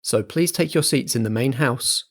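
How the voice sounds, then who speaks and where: A man's voice: mid-range voice, normal speed. A man presenting a roleplaying show as its host, reading a scripted introduction. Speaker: podcast host and game master.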